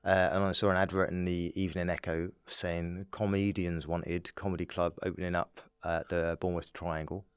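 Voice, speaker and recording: A stand-up comic from Dorset, England, with an English accent, tells anecdotes as a podcast guest in playful, casual chat, riffing with animation and often breaking into laughter. His low voice flows smoothly at a moderate pace with hardly any pauses, in clean, dry studio sound.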